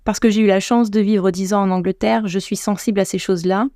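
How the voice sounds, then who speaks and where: In a warm, mid-range voice with fairly even intonation, a French podcast host talks a little quickly. She addresses her listeners directly with casual enthusiasm, and the studio sound is clean with no room noise.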